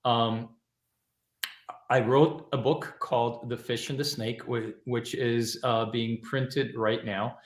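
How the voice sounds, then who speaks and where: A man from Cuba talks as an interview guest, relaxed and reflective. He pauses often and fills the gaps with soft fillers, at a middle pitch. His voice echoes in a roomy space. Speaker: guest author and teacher. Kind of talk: casual interview chat.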